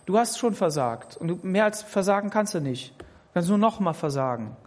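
An emphatic preacher delivers a sermon, addressing each listener personally and repeating words to press a point. The voice rings out with a long reverb from a large church hall. The pitch sits in a middle range. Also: lively intonation, fairly quick, darkish tone.

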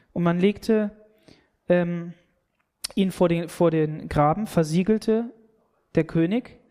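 With a warm, fairly high voice, a man preaches a sermon retelling a scripture story. He speaks earnestly and often repeats words to drive his point home.

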